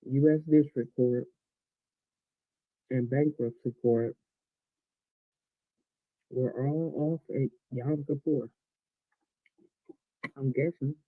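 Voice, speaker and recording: Very mellow, dark-voiced American man talking while eating. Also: mid-range voice, no room sound, rough recording. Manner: colloquial, unguarded, trailing off and losing the thread. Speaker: vlogger. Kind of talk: casual rambling monologue.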